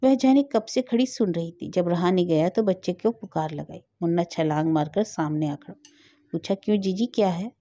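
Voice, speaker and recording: A woman's voice: lowish voice, moderate pace, warm tone, no room sound, highs cut off. A woman narrating a sentimental family story and reading all the parts herself.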